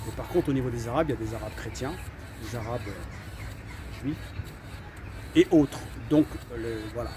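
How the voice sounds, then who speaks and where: Hosting his channel, a Frenchman of Algerian heritage offers opinions casually, hesitant and repetitive, with frequent uses of "voilà". He was raised in France. His medium-pitched voice moves at a moderate pace and pauses often.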